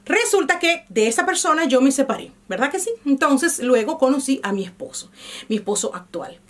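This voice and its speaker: Woman in her 30s, vlogger, fairly high voice, chatty and warm with viewers, talks straight to camera. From Dominican Republic. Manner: chatty, addresses viewers as "mis amores". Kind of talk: casual chat to camera.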